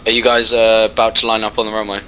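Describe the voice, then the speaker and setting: A man's voice: on the low side, monotone, fast, background noise. A man making hesitant radio calls in a flight sim, his voice sounding muffled as if over a helmet intercom. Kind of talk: radio check chatter.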